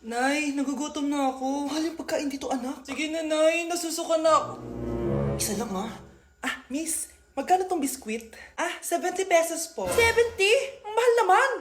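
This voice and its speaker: A woman playing many characters in short comedy skits, loud and theatrical. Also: high-pitched, moderate pace, background noise.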